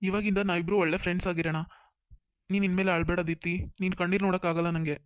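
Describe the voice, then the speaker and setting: A man's voice: high voice, level tone, quick pace, dry recording, natural voice. A man voicing a scheming, vengeful young male student in a cartoon, sweet-talking and then gloating. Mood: pleading friendly. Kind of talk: Kannada cartoon voice acting.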